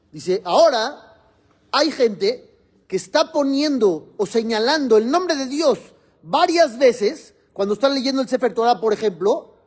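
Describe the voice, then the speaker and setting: A man, a rabbi teaching a religious class in a classroom, explaining step by step and quizzing his students. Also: very high-pitched.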